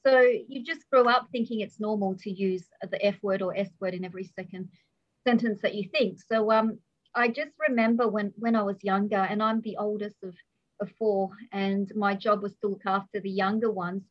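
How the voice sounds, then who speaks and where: A woman's voice: medium pitch, fairly even intonation, moderate pace. A middle-aged woman, an author, telling candid stories about her childhood, laughing often and acting out voices in her anecdotes. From Australia. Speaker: author guest. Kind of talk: candid conversational storytelling. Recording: dull lo-fi audio.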